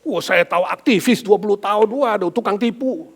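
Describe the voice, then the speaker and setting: A middle-aged man with an Indonesian accent, preaching a sermon as pastor, swinging from loud emphatic bursts to near whispers. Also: high-pitched, fairly quick, vocal fry. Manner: animated preaching, rising loud then dropping to near whisper.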